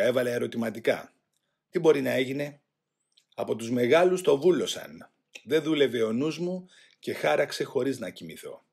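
A man reading a first-person memoir aloud in a grave, measured way. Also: medium pitch, slightly rough. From Greece. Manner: grave, measured, voicing shouted quotes louder. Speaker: audiobook reader.

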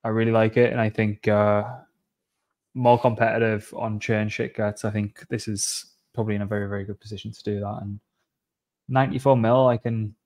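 A man co-hosting a casual crypto chat on a video call, relaxed and explanatory with a wry tone. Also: on the low side, a little fast. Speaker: co-host. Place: home room. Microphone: webcam video call.

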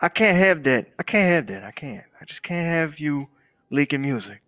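A man's voice: on the high side, sing-song, moderate pace, pushed and bright, no room sound. A man playing an intense, menacing, aggrieved music boss in an improvised crime game role-play, brooding and repeating himself for effect. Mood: brooding menace.

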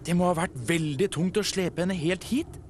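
A man voicing a small, eager young male tugboat who talks impatiently and bursts with excitement. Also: sits high, a little hiss or hum, pitched above the performer's own voice, natural voice. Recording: music playing behind.

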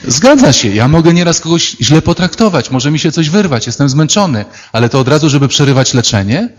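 A man's voice: a little high, lively intonation, a little fast, big-room sound. Priest guy giving a sermon, ironic and playful, acts out people mid-story.

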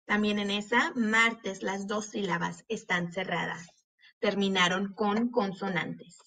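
A woman teacher giving a slow, clear reading lesson, sounding out syllables and spelling words letter by letter. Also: mid-range voice, steady tone, sharp tone, slight background noise.

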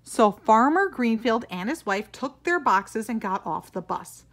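A woman reading a children's picture book aloud as a storyteller, expressive and animated. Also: fairly high pitch, a little slow.

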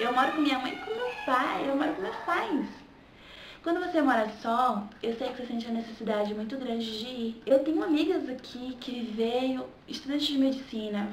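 A woman's voice: a little high, a little hiss or hum. A young woman from Salvador with a Bahian accent, chatting casually in a home vlog and often checking in with "sabe?". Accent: Bahian Brazilian Portuguese. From Salvador, Bahia, Brazil. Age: young adult. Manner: chatty, keeps adding "sabe?" to her points. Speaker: vlogger. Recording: echoey room with faint ambience.

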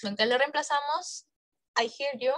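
Brief: woman, English teacher, high voice, coaxing, keeps checking in, close dry sound. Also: measured pace, a bit bright, no echo. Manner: coaxing, checks in with frequent questions. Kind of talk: online exam-prep class.

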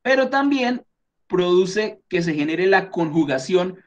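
A man's voice: high-pitched, lively intonation, unhurried. A man with a Colombian accent teaching a class, explaining things patiently step by step and often checking in with his students. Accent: Colombian Spanish.

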